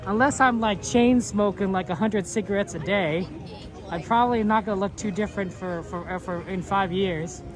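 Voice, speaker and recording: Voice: medium pitch, moderate pace. A livestream host chatting casually and jokily with viewers in a rambling way, outdoors at a theme park. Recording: loud music and crowd around.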